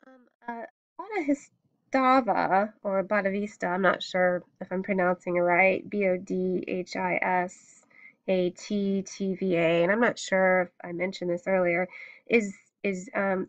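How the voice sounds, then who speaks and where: A woman lecturing on art history in a recorded class, hesitating often with many ums and restarts. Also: fairly low pitch. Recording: dull lo-fi recording.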